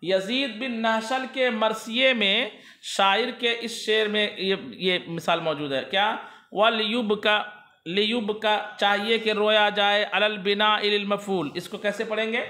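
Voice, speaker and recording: A man's voice: high voice, steady tone, a little slow, pushed and bright, roomy sound. A man teaching Arabic grammar in a classroom, reading the text and explaining it, often asking his students questions and answering them himself.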